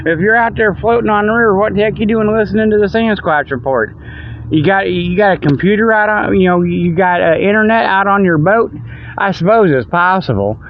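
Outdoors beside a river, an older man fronting a hobby radio show chats in a meandering, folksy ramble full of jokes he chuckles at himself. He speaks briskly in a high-pitched voice, captured on lo-fi audio.

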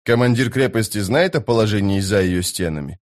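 A man voicing a cold, hard assassin who speaks low, quiet and clipped. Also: fairly quick, lightly acted.

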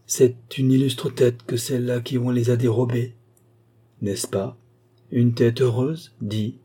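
A man reading aloud and voicing a gentle, devoted young woman in a trance, in a soft, dreamy manner. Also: mid-range voice, little pitch movement, unhurried, breathy edge.

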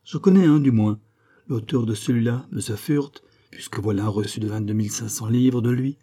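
A man's voice: medium pitch, a little fast, mellow, natural voice. A man reading aloud, playing a weary, patient king who reasons in a mildly exasperated way.

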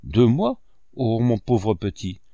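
A man voicing a kind, gentle noble lady in an audiobook, asking soft, caring questions. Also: on the low side, animated, moderate pace, no room sound, muffled recording. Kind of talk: audiobook character reading.

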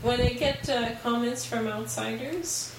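High-voiced giggly woman in an echoey room. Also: fairly even intonation, measured pace. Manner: giggly, self-deprecating, laughs often. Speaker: podcast guest. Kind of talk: casual podcast chat. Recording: echoey room, distant mic, noisy background.

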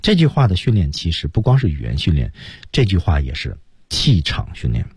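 A man teaching English on a radio program, explaining pronunciation step by step and drilling words slowly. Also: low-pitched, huge pitch swings, a little mellow, breathy edge, no echo. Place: radio studio.

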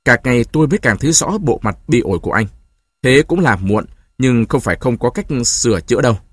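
A man's voice: mid-range voice, animated, fast, no room sound, studio quality, lightly acted. Man doing a scornful, furious young wife. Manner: sharp, scornful, heated.

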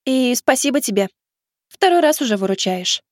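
A male narrator voicing a young woman scout who is blunt and brave, speaking high and lively. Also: normal speed, dry recording, clean studio sound. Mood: grateful. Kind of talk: audiobook character voice.

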